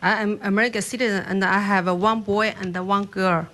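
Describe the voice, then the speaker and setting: A woman with a Chinese accent testifies at a podium microphone in a capitol hearing room, her voice at an ordinary middle pitch. She speaks earnestly and pleadingly, her phrasing halting as she searches for words. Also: fairly even intonation, a bit bright, slight background noise. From China. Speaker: public testifier. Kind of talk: public testimony.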